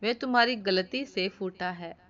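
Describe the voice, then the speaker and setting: A woman's voice: medium pitch, unhurried, fairly bright tone, natural voice. A woman voicing a thrifty middle-aged wife who haggles firmly over a price, in a storybook reading. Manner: bargaining, firm. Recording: dull lo-fi recording.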